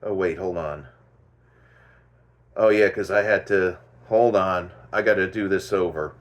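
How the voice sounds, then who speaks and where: A man with a fairly low voice talks slowly and unhurriedly, giving casual commentary as the host of his own show. He thinks aloud and often stops to correct himself.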